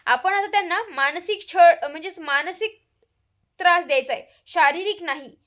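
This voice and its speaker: A woman's voice: very high voice, moderate pace, a bit bright. A woman voicing a young wife who coaxes her in-laws into a plan to torment an enemy. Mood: scheming. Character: scheming young wife plotting revenge.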